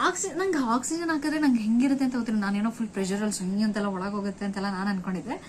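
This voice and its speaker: A young woman vlogger recounting a frightening trip in an excited, emotional way, repeating words and restarting sentences. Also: fairly high pitch, slight background noise, low-quality recording. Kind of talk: emotional first-person storytelling.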